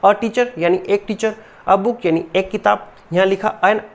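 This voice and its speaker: A woman's voice: medium pitch, steady tone, moderate pace. A woman teacher giving a classroom grammar lesson. She patiently repeats each rule, keeps asking rhetorical questions, and calls her students "beta".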